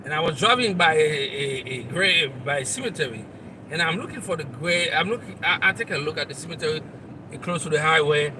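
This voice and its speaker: This live motivational talk comes from a Haitian coach and channel host outdoors near loud traffic, his voice distant from the mic. High-pitched with a Haitian accent, he speaks briskly and expressively, addressing the listener straight on and repeating his points with earnest conviction.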